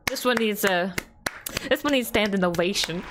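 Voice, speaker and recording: A young woman commentating her horror game play, jumpy and excitable, often gasping and laughing nervously. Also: medium pitch, very noisy. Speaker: gaming YouTuber.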